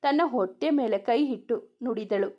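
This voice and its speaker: A woman's voice: a little high, normal speed, dull audio. A woman reading a romance story aloud, narrating and speaking every character in the same voice.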